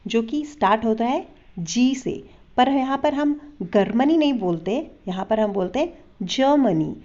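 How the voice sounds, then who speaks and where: Female phonics teacher, slightly high and mellow voice, spells and sounds out words slowly. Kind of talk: slow explanatory phonics lesson. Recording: dull lo-fi recording.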